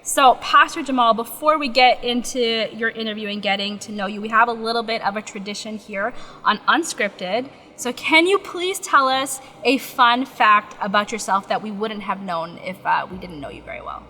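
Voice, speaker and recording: A woman's voice: fairly high pitch, expressive, moderate pace, few pauses, bright, forceful tone. A young adult woman hosting a church podcast interview, upbeat and encouraging, with short affirmations. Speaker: interview host.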